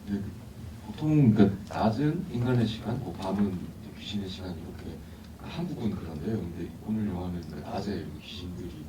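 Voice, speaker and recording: A man's voice: sits low, very fast. A man from the audience asking the director a thoughtful, hesitant question. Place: cinema hall. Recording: echoey hall, far from mic, clear noise.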